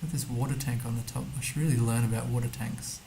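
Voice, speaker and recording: A man's voice: medium pitch, steady tone, fast talker, mellow, slight background noise, poor audio. A man streaming a map game, thinking aloud casually as he mutters guesses and reads numbers to himself. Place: indoor streaming setup.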